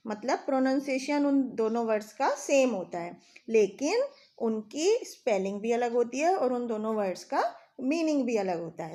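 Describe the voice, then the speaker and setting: A woman with an Indian accent, teaching English vocabulary in a steady, explaining way and spelling words out letter by letter. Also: fairly high pitch. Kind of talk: vocabulary lesson in Hindi.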